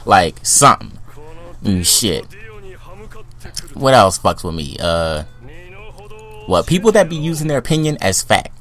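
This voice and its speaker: A young man in a profane, comedic rant to camera, swinging from loud outbursts to low mutters. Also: measured pace, pauses often, faint music behind. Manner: animated, heated, swings between loud outbursts and low mutters, filler-heavy. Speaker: vlogger.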